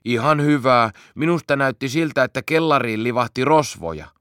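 A man's voice: medium pitch, lively intonation, fairly bright tone, smooth, no room sound, studio quality, pitched above the performer's own voice, close to an everyday voice. A man voicing a polite, cheerful young male bear in a children's audiobook.

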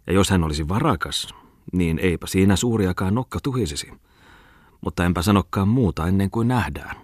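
A man voicing a self-satisfied respectable gentleman who answers defensively. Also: sits low, animated, dry recording, studio quality.

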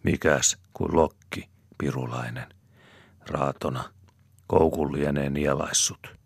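A man's voice: very deep voice, steady tone, vocal fry, slightly rough, no echo, studio quality, exaggerated voice. A man voicing a rambling rustic father. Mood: musing. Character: chatty middle-aged cottager father, boastful.

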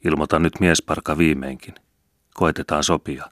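A man voicing a calm, forgiving farmer who speaks quietly in an audiobook reading. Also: very deep voice, no room sound, studio quality. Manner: quiet, conciliatory.

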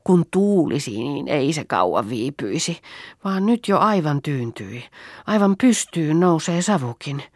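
A woman reading the part of a practical young peasant girl in an audiobook play, with a calm, reasoning delivery. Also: sits low, dry recording, studio quality, full character voice. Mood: matter-of-fact. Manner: matter-of-fact, reasoning.

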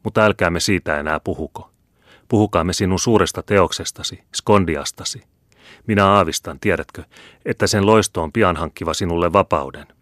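A man reading the part of a once stern older wife who now speaks gently and soothingly to her husband. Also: sits low, no echo, studio quality. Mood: tender. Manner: soothing, coaxing.

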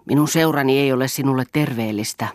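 A woman reading the part of a brooding, self-mocking older man in a low, quiet, reflective voice. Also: no echo, clean studio sound.

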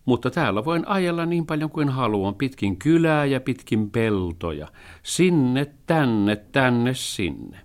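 Guy reading as a nice earnest little boy in a kids' book, a bit higher voice. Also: sing-song. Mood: friendly. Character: cheerful sensible young boy.

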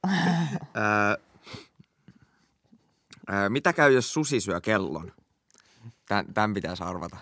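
Low-voiced young man, deadpan and crude. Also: long pauses, dry recording, clean studio sound. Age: young adult. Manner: casual, crude, deadpan punchlines. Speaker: podcast co-host. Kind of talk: casual chat trading bad jokes.

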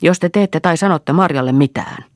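A distraught grown farmer man speaks in breathless, stammering bursts, as a woman reader puts him on. The voice is gravelly and a little husky. It is an audiobook storybook reading. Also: very deep voice, steady tone, no echo, clean studio sound, exaggerated voice. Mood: agitated.

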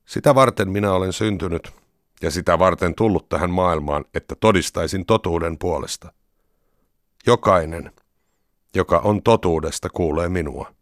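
A man voicing a calm male teacher in a scripture reading, quiet and even. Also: low-pitched, no room sound, studio quality, lightly acted.

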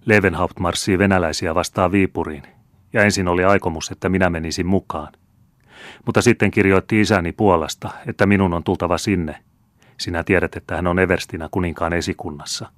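A man's voice: deep voice, fairly even intonation, dry recording, natural voice. A man reading an old storybook tale, voicing an ardent seventeen-year-old count who speaks earnestly and pleadingly.

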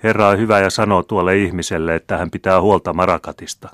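A man's voice: low-pitched, steady tone, a bit bright, no echo, clean studio sound, pitched above the performer's own voice. A man reading aloud the lines of a lanky young man who pleads for his pet monkey. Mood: pleading.

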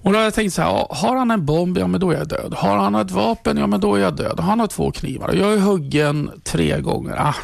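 A middle-aged man from Sweden giving personal testimony in an interview, halting with restarts and sinking to a whisper at grave moments. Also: high voice, no room sound, studio quality. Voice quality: gravelly and husky. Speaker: interviewee, trained ambulance driver.

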